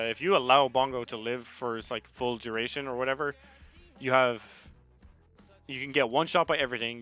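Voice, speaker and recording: A young coach talks loosely over game footage, swearing and chatting to viewers in between. His voice is bright and forceful at a middling pitch. Soft music plays quietly in the background. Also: muffled recording. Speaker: esports head coach reviewing match footage. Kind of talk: casual livestream commentary. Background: faint music playing.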